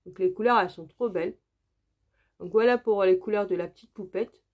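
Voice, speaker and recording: Woman, from France, craft vlogger, casual unboxing chat, chatty and enthusiastic, many fillers, middle pitch. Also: fairly quick.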